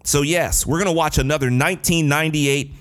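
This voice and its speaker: A man's voice: a little high, steady tone, brisk, a bit bright. A man hosting a podcast, talking to listeners in an emphatic, informal and mildly salty way. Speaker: podcast host. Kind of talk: energetic solo podcast talk.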